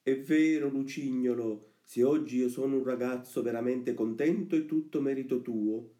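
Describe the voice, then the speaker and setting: A man's voice: medium pitch, moderate pace, warm tone, pitched above the performer's own voice, close to an everyday voice. A man voicing a carefree young wooden puppet boy who gushes in a raised voice. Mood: delighted. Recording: roomy echoey recording.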